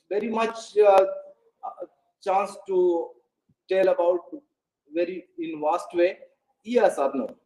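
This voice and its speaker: Slow, hesitant man lecturing. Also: high voice, dark tone, rough recording. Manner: hesitant, many fillers and restarts. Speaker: English pronunciation presenter. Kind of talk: lecture on English intonation.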